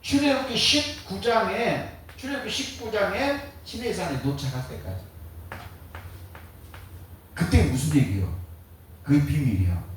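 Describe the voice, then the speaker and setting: A man's voice: sits high, animated, unhurried, long pauses, slight background noise. A man preaching a sermon as pastor, firing rhetorical questions and answering them in a colloquial, joking way. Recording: very echoey, distant mic.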